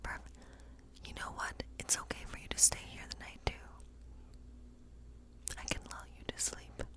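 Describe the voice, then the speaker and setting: Soft, breathy whispers come from an ASMR performer cast as a gentle witch reading tarot at her woodland cottage. The delivery is unhurried and tender, meant to soothe and reassure.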